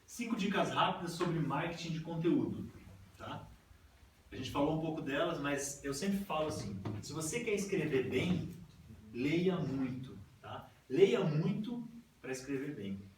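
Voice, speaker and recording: Speaking in a fairly high, expressive voice at a slightly slow pace, this Brazilian presenter explains things to a group one step at a time, frequently adding "tá?". It's a casual slide presentation in a Brazilian Portuguese accent, captured from far away in a reverberant, noisy room.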